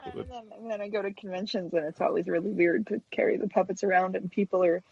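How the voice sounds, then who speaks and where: An American woman who animates stop-motion puppets chats casually as an interview guest, telling anecdotes in a hesitant, rambling way full of "you know." She talks fast at a medium pitch with fairly even intonation, vocal fry and a slightly mellow quality, and the recording is muffled.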